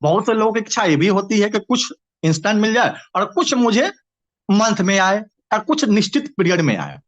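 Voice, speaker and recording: A man's voice: sits high, big pitch swings, moderate pace. A man presenting and explaining a business plan to his audience, steadily, with frequent restarts and repeated words. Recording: dull lo-fi recording.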